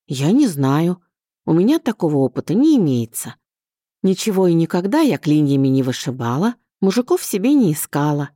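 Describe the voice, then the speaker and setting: A stubborn young woman in an audiobook, arguing in a bright, bouncy way, as a woman reads her. The lines jump up in pitch and stay lively. The reading is close and dry. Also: normal speed, no room sound. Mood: playful. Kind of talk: audiobook character voice.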